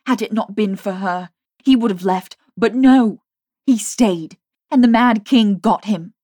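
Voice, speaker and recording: A woman's voice: lowish voice, fairly even intonation, unhurried, warm tone, no room sound. A woman narrator voicing a bitter, vengeful young woman who speaks with cutting scorn. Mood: furious.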